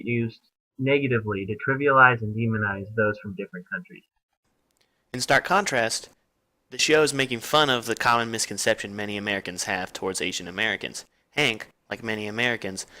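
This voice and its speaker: A man's voice: medium pitch, bright, forceful tone, dry recording, low-quality recording. A young man presenting a class video essay, reading aloud plainly with small slips and fillers. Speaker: student presenter.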